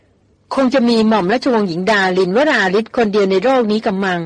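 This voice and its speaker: A playful young man, as a woman reading a novel puts him on, teases and mocks in an easy, grinning way. His voice sits at a middling pitch, close and dry. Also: a little fast, dry recording, natural voice. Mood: mocking. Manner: teasing, mocking, laughing. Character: teasing young man, jungle hunter companion.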